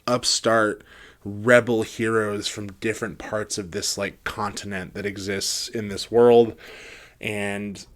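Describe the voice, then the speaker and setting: A man with a fairly low voice gives a casual, rambling book review. He speaks conversationally and hedges a lot, often trailing off at the ends of phrases.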